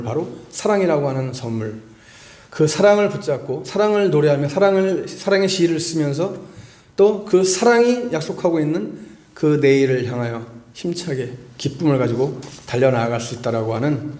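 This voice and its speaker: Male pastor preaching, high voice, keeps asking the crowd stuff and repeating lines, roomy echo. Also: darkish tone. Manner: asks the congregation questions and repeats phrases for emphasis. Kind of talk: sermon.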